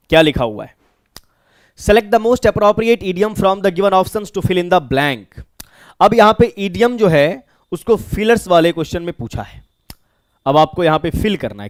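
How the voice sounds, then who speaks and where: A man's voice: high-pitched, lively intonation, unhurried, no echo, clean studio sound. A man with a Bihari accent teaching an exam-prep vocabulary lesson. He explains step by step, asking questions and answering them himself.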